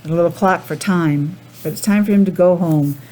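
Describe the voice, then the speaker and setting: A teacher whose voice sits on the low side reads a picture book to young children at a moderate pace, on a low-quality recording. She's lively throughout, chatting and asking the kids simple questions.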